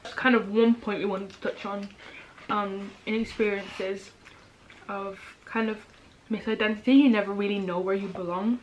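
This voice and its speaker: A young adult woman, a vlogger and older sister, chats casually while eating, rambling with plenty of "um," "like," and "kind of." Her mid-range voice is steady at a normal speed, but the audio is poor, with a little hiss or hum.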